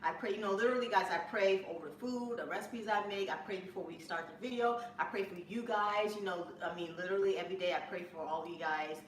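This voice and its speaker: A woman hosting a home cooking live stream, chatting in a rambling way with bursts of excitement, from her kitchen. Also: mid-range voice, fast talker, few pauses. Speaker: cooking channel host. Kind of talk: casual live-stream chat. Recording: echoey room, mic at a distance, faint room noise.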